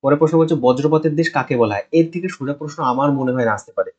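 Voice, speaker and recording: A man's voice: fairly high pitch, fast talker, a little mellow, highs cut off. A man teaching a casual exam-prep quiz lesson, talking conversationally and repeating answers with frequent check-ins. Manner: conversational, repeats answers, tags "ঠিক আছে?" often.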